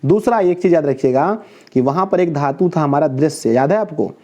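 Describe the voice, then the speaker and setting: This male Sanskrit teacher, whose voice is a little high, expressive and slightly mellow, speaks at a normal pace during an online class lecture. He recites verb forms in rhythmic lists, quizzes his viewers, and corrects his own slips along the way.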